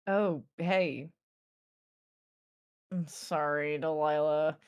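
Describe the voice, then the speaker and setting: A woman's voice: deep voice, fairly even intonation, very slow, darkish tone, smooth, pitched below the performer's own voice. A woman voicing a tired young woman with a cold who just wants to lie down. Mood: weary. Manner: weary, apologetic.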